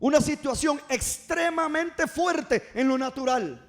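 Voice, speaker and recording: A man's voice: very high voice, measured pace, a bit bright. A man preaching a passionate sermon, firing rhetorical questions at his congregation. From Costa Rica. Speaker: pastor. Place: church service.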